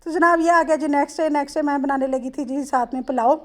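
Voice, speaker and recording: Woman with a Lahori accent, high voice, chatty homely cooking voice-over, talks straight to viewers. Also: steady tone, fast. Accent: Lahori Punjabi-tinged Urdu. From Lahore, Pakistan. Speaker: home cooking vlogger.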